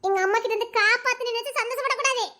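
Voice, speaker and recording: A woman's voice: very high-pitched, racing, background noise. An actress playing a bossy young village woman who scolds and mocks without holding back. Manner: sharp-tongued, scolding, mocking. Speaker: actress in a short romance drama. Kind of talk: dramatic village romance acting.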